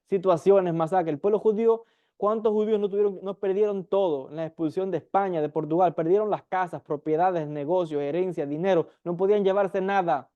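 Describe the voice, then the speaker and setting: A man's voice: a little fast, no room sound, dull audio. A man giving a spoken religious lesson on Kabbalah, full of rhetorical questions and mocking impressions of complainers. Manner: mimics whiny complainers in a higher voice; rhetorical questions, repeated phrases. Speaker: Kabbalah teacher.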